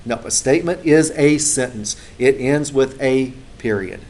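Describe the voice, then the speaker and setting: A man's voice: medium pitch, unhurried, darkish tone. A male instructor giving a classroom lecture in a conversational way, with frequent filler sounds, recorded in a classroom.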